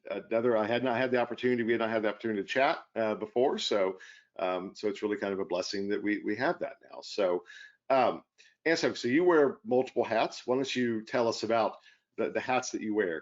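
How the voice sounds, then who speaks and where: Low-voiced male host, friendly casual interviewer, dull audio. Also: fast. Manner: friendly, restarts phrases.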